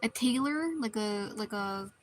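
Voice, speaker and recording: A woman's voice: mid-range voice, unhurried, slight background noise, rough recording. A woman streamer chatting casually while she draws, rambling and restarting her sentences often. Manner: rambling, meandering, many restarts.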